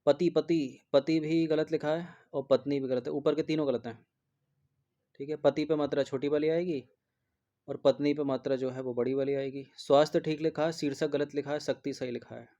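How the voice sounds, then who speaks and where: Hindi exam tutor, dark, lo-fi. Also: male voice, a little high, fairly even intonation, normal speed. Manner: repeats each word over and over and checks in with a constant "theek hai". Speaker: exam prep teacher. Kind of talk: spelling lesson, explaining answers. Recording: dull lo-fi recording.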